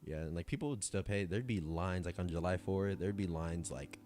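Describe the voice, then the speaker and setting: Young male guest, very low pitch, relaxed rambling delivery full of fillers. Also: brisk, faint music behind. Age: young adult. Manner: laid-back, full of "like". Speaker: guest, host's cousin. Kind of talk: casual chat.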